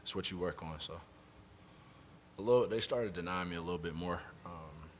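A young man, a college basketball player at a postgame press conference, speaking in a soft, low-key way with many fillers into a table mic. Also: moderate pace, a little hiss or hum. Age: young adult.

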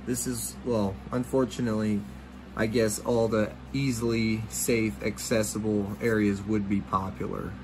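A man's voice: lowish voice, slight background noise, poor audio. A man hosting a fishing channel, talking casually in a rambling voice-over with many fillers and restarts.

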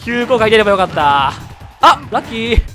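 Kansai guy commentating his game, voice jumping all over, yelling at big plays, music going behind him. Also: high-pitched, brisk. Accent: Kansai Japanese. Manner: excitable, shouts and laughs at big plays. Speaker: gameplay commentator. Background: background music.

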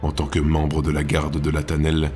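A man voicing a cool-headed, menacing city guard who speaks calmly and steadily. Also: a bass voice, normal speed, faint music behind. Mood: cold. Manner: calm, steady, cold.

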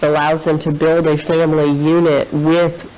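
A woman's voice: low voice, little pitch movement, normal speed, mellow, rough recording. A woman in her thirties giving formal, careful testimony from a courtroom witness stand into a desk microphone.

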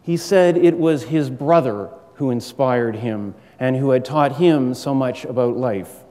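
A middle-aged man giving a prepared formal speech as a university lecturer, measured and earnest, with deliberate rhetorical pauses. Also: mid-range voice, mellow. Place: large university auditorium stage. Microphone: gooseneck podium microphone. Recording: echoey hall with long reverb.

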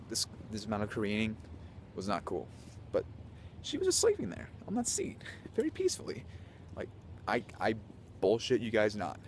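A young man telling a story to a handheld camera on a city street at night, hyper and animated, dropping to whispers at times. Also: lowish voice, slight background noise. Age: young adult. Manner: hyper, animated, swings between loud and whispering. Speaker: vlogger. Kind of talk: casual storytelling vlog. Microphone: handheld camera at arm's length.

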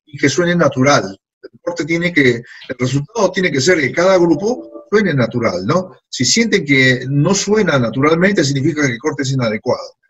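A man's voice: a little high, lively intonation, normal speed, a bit bright, husky, low-quality recording. A man teaching an English class in to a group of students, patiently repeating words and phrases. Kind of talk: classroom lesson.

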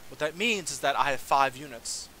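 A man's voice: mid-range voice, animated, moderate pace, pushed and bright. Rambling young man over a hissy mic. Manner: rambling, self-deprecating, many fillers. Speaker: game tutorial presenter. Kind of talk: casual gameplay commentary.

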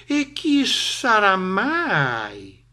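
A man voicing a silly, easily startled female snake in a storybook reading, high and drawn out. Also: big pitch swings, extremely slow, full character voice. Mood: astonished.

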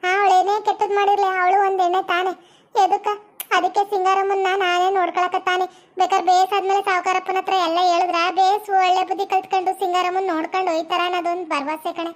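A woman voicing a fretful, gossipy young village woman, talking in an excited, stammering way. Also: very high-pitched, quick pace, voice pushed up. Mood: earnest.

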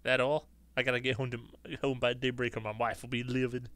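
A man's voice: medium pitch, flat delivery, a little fast, a bit bright, dry recording, lightly acted. A man doing a chatty neighbor man, raised voice. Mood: folksy. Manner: folksy, nosy small talk. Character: chatty middle-aged male neighbor on a morning walk.

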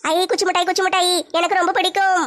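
A woman voicing a short, cheeky young woman who acts like a child, with a squeaky, pitched-up voice. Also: level tone, a bit bright. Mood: childish. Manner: rapid, squeaky, teasing.

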